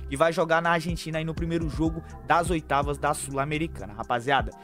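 A young man from Brazil giving quick football betting tips to his viewers, chummy and brisk, calling them family. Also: on the high side, fairly bright tone, soft background music. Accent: Brazilian Portuguese, São Paulo fan. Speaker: sports betting tipster. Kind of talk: fast betting tips over screen share. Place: small room at home.

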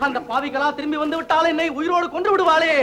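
An actor playing a melodramatic henpecked husband in a classic film, with over-the-top comic wailing and mock-epic speech. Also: male voice, very high-pitched, fairly even intonation, fast talker, sharp tone. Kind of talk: 1950s Tamil film acting.

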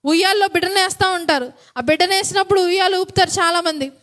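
A woman's voice: extremely high pitch, fast, fairly bright tone. A woman preaching a sermon, asking the congregation questions and then repeating the answers.

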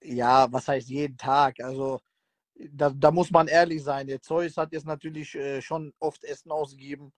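A high-voiced man in his thirties chats casually on a livestream. His speech is colloquial street slang sprinkled with Arabic expressions, picked up dry and close on a phone. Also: steady tone, normal speed, no echo. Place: indoors, lying in bed in a room. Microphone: phone held close, video call livestream.

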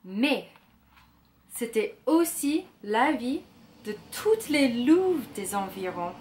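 A woman reading a children's picture book aloud, slowly and clearly, for young listeners. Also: fairly high pitch, big pitch swings, a little mellow, echoey room. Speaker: storyteller. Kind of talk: children's story read-aloud.

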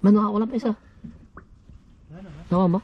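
A man on a night fishing trip, excitedly calling out the catch in casual chat with friends. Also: high voice, fairly quick, phone-quality sound, a crowd in the background. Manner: excited, counting the catch aloud. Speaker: vlogger shrimping with friends. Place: wooden dock outdoors at night.

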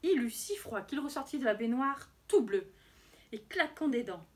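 A woman teacher reading a picture book aloud to children in an expressive storytelling voice. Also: fairly high pitch, moderate pace.

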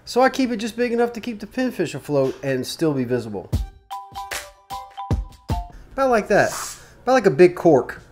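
A man's voice: high-pitched, moderate pace, long pauses, music in the background. A man in his forties, a fishing guide and show host, casually explaining step by step how to tie a rig in a small workshop, talking close to the camera. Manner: relaxed, chatty, explains step by step while tying knots. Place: small indoor tackle workshop.

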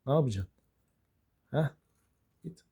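A man's voice: medium pitch, expressive, slow, dark tone, breathy edge. A man talking affectionately to his pet budgies in casual, coaxing baby talk. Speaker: budgie owner.

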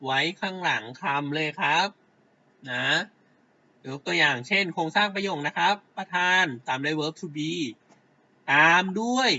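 Slow, bright-voiced male teacher. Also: fairly high pitch, highs cut off. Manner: patient, keeps checking with the class. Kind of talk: grammar lesson.

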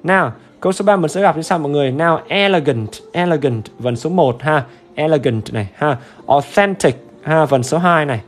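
On the high side and fast, a man's voice carries a livestream English exam-review lesson. He's upbeat and chatty, keeps asking viewers to comment, and checks in with the audience over and over.

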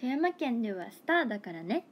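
A young woman chats on a livestream in a slightly high voice. She thinks aloud, wanders from point to point, and laughs easily, with a faint hiss of noise behind her. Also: sing-song. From Toyama, Japan. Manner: chatty, musing aloud, quick to laugh. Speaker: idol livestreamer. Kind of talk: casual livestream chat.

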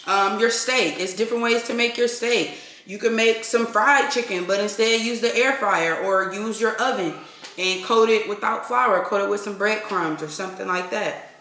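A woman's voice: medium pitch, sharp tone. A middle-aged woman chatting casually to her viewers while she preps and cooks in her home kitchen, filmed by a camera across the room. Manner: chatty, addresses viewers as y'all. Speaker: cooking vlogger. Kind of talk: casual cooking demonstration. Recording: echoey kitchen with sizzling pans.

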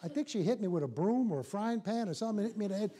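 High-voiced older preacher, mellow tone. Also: male voice, very fast, husky. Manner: animated, folksy, jokey, with rhetorical questions to the congregation. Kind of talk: church sermon. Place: church sanctuary, in front of a small congregation.

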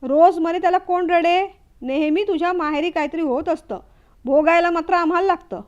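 Woman playing a shrill scolding mother-in-law. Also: fairly quick, darkish tone, highs cut off, close to an everyday voice. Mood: angry.

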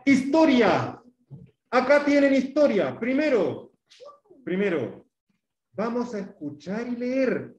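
A man's voice: extremely high pitch, very animated, slow pace, pauses often, darkish tone. Male teacher in an echoey classroom. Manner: explains patiently, models pronunciation, quizzes pupils. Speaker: English teacher. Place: school classroom. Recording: echoey classroom, far from mic, dull.

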